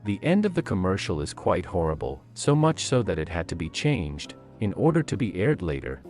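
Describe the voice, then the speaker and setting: A man's voice: low voice, sing-song, normal speed, darkish tone. A man reading scripted countdown narration in a documentary style. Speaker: video narrator. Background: faint-to-clear background music.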